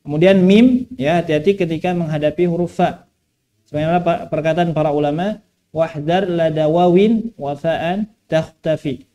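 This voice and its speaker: A man's voice: on the high side, normal speed, dark tone. A man teaching Quran recitation in a mosque, drawing out phrases and patiently correcting pronunciation. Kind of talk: tajweed lesson with recitation.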